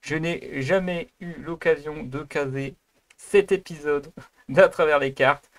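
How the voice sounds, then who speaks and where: A man's voice: fairly high pitch, slow pace, no room sound. A man hosting his own video channel, giving a casual, improvised introduction. He rambles, apologizes for himself and hesitates often. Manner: rambling and self-deprecating, many hesitations. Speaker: YouTube host.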